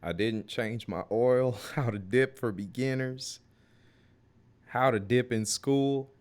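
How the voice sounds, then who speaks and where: A laid-back man chats through a live stream while reacting to videos. His voice sits at a middle pitch. He drops joking asides and thanks his viewers in an easygoing way. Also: slow pace. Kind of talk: casual chat.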